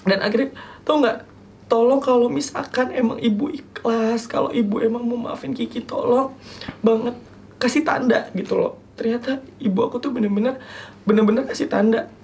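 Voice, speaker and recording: A young man, a talk show guest, telling a personal story in a halting, earnest way and acting out remembered dialogue. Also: extremely high pitch, steady tone, darkish tone, slight background noise.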